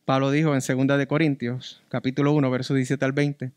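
A man with a Puerto Rican accent preaching a sermon as pastor, emphatic and repeating key words, swinging between loud and soft. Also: medium pitch, level tone, quick pace, no echo.

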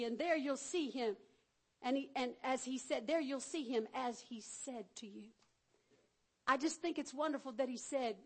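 A woman delivers an energetic sermon in a high, bright-toned voice. She speaks in a folksy way, calling out to her listeners and acting out the figures in her stories. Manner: energetic, calls out to the congregation; folksy, acts out the Bible figures. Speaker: preacher.

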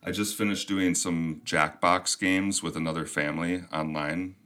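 A man with a Minnesotan accent hosts a podcast in a very low voice. His tone is bright and forceful. He rambles casually and pokes fun at himself. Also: fairly even intonation, moderate pace. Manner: rambling, self-deprecating, chuckling. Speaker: podcast host.

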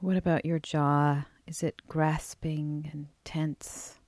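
Low-pitched woman, slow soft relaxation guide. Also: flat delivery, no echo. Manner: unhurried, with drawn-out phrases and pauses. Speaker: yoga and relaxation teacher.

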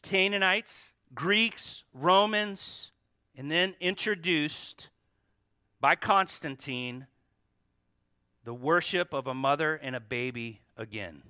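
A man's voice: on the high side, slow, bright, forceful tone, clear, resonant tone, dry recording, clean studio sound. A man preaching a sermon at a pulpit microphone. He stresses key words, repeats them, and puts rhetorical questions to the congregation. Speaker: pastor.

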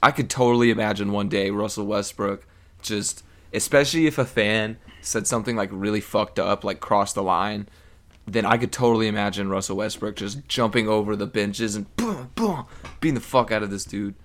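A man's voice: lowish voice, fairly even intonation, fairly quick, fairly bright tone. A young man in casual, profane sports chat on a podcast, laughing often and mimicking people. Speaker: podcast co-host.

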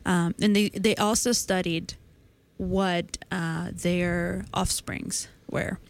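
A woman in her twenties co-hosts a podcast presenting science news, walking through a study step by step in a casual, conversational way. Her voice is on the low side with fairly even intonation, and she takes her time.

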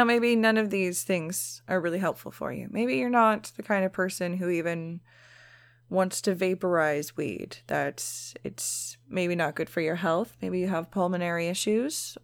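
A woman's voice: mid-range voice, gravelly, dry recording. A woman hosting a solo podcast in a casual, frank, stoned-sounding drift, swearing freely as she talks. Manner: stoned, unhurried, drifting delivery. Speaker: podcast host.

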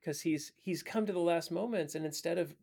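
Earnest gravelly man discussing scripture. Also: on the high side, fairly quick, a little mellow. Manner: earnest, reflective, quotes scripture. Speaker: podcast co-host. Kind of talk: casual Bible study chat.

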